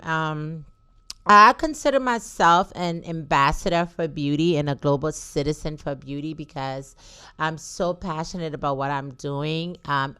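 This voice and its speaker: A woman's voice: low voice, fairly bright tone, smooth. A woman in her forties from Liberia, a guest entrepreneur telling her story in a talk show interview and laughing easily. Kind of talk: casual interview chat.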